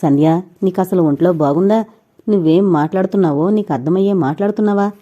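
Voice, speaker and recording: A woman's voice: fairly low pitch, fast talker, mellow, lightly acted. A woman voicing a heartbroken young man who pleads and accuses, in an audio novel. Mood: pleading, anguished. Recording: dull lo-fi recording.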